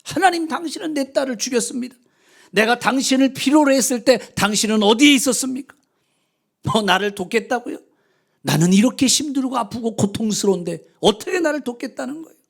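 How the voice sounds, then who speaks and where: A man voicing a grieving, furious middle-aged father who shouts accusations in anguish. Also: mid-range voice, normal speed, voice pushed down, lightly acted.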